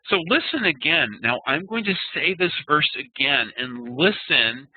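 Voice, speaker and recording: A man teaches over a web meeting, taking his time and spelling out how each sound is made. His voice comes through thin and phone-like. There is no room echo around it. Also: mid-range voice. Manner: patient, explanatory, demonstrates pronunciation and chants verses. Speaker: Sanskrit teacher. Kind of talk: online class lecture. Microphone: web conferencing call.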